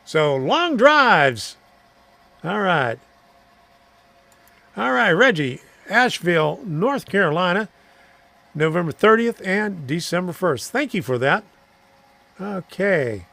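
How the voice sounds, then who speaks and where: A man's voice: high-pitched, very animated, slow pace, creaky, long pauses, sharp tone. A middle-aged man hosting a live stream, chatting casually and answering viewer comments, rambling and chuckling between thoughts. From Florida.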